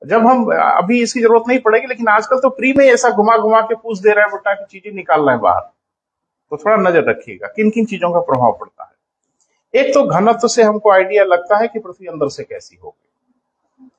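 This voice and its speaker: High-voiced guy teacher lecturing his class, stern and scolding, dull lo-fi recording. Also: animated, moderate pace. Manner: calls students "beta". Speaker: coaching teacher.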